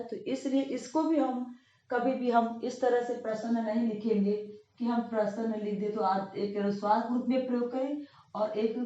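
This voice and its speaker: A woman's voice: fairly high pitch, mellow. Patient woman teacher in an echoey room. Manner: patient, repeats rules slowly. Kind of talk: grammar lesson for children. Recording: echoey room, dull lo-fi sound.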